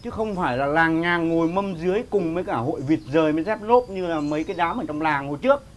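A man's voice: fairly high pitch, lively intonation, quick pace. Boastful stammering man. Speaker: villager inviting neighbours to his son's wedding. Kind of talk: rural comedy sketch acting.

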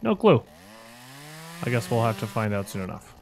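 A man's voice: fairly low pitch, sing-song, normal speed, gravelly, slight background noise. A man hosting a gaming video with casual, jokey commentary, thinking aloud and poking fun at himself.

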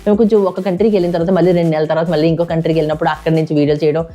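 A young man with English as his first language rattles along in a casual vlog, words tumbling out quickly. His tone is mellow and soft-edged, and he loops back to repeat and fix himself as he goes. Faint music plays underneath. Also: fairly high pitch, steady tone. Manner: rapid, chatty, repeats and corrects himself. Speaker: travel vlogger. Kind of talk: casual vlog talk to camera.

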